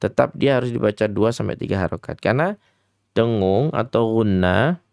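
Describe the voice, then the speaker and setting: A man teaching Quran recitation to children in an interactive radio lesson, mixing brisk explanations with slow, drawn-out chanted examples and speaking to the children directly. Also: on the low side, lively intonation, gravelly, a little mellow, dry recording, studio quality. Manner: addresses children directly, patient instructive tone.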